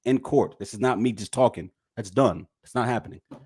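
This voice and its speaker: A man co-hosting a casual podcast, talking emphatically, repeating his points and swearing, and getting loud and animated when excited. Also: medium pitch, a little fast, slightly rough. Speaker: podcast co-host. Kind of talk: casual chat.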